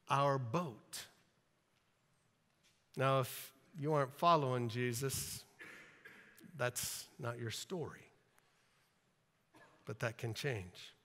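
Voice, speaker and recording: A pastor preaches a sermon from a church platform in a bright, ringing voice pitched slightly high. He speaks slowly and deliberately, pressing on emphatic lines and acting out scenes in playful asides. The sanctuary adds a long reverb.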